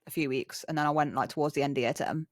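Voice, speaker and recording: Young English woman with rough chav-style slang. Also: deep voice, fairly even intonation, fast talker, dry recording, studio quality. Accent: English, chav-style street slang. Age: young adult. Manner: rough British slang, candid, chatty. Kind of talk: casual chat.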